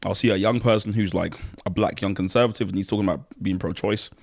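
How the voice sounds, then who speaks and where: A man co-hosts a relaxed podcast, his voice sitting on the low side. He talks in an animated, laughing way and sometimes chews while he talks. The sound is close and dry, with no room around it. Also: quick pace, gravelly, no room sound. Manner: animated, laughs often, eating while talking. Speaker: podcast host. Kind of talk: casual podcast chat.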